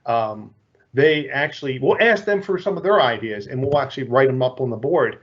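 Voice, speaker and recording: A man's voice: medium pitch, animated, fairly quick, fairly bright tone. A man co-hosts an online workshop session, chatting casually and joking with easy asides. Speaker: workshop trainer. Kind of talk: casual co-presenting on a webinar. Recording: slightly muffled online call audio.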